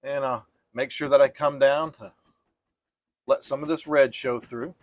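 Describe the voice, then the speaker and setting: A man teaching painting step by step in a casual, gentle and reassuring way, like an easygoing instructor. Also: mid-range voice, steady tone, a little slow, dry recording.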